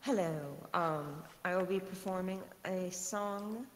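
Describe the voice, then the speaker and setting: A woman's voice: lowish voice, slow, a little hiss or hum. A woman performer chatting playfully on an online call, her voice drenched in a big hall reverb echo. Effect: heavy big hall reverb echo. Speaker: music contest performer. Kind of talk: casual chat on a live call. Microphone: own microphone over an online call. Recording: echoey remote call audio.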